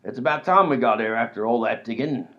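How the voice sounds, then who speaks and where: Brisk and lightly acted, a medium-pitched man with a fairly bright tone portrays a comedy radio play's robber, dim, bumbling and blustering with self-assurance. The recording has a dull, lo-fi sound.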